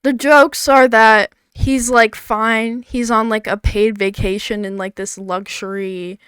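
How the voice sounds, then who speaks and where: A woman's voice: on the high side, flat delivery, slow, fairly bright tone, smooth, no echo, clean studio sound. A woman with a slight lisp giving casual, blunt commentary on an old comedy show, full of "like". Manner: chatty, blunt, peppered with "like".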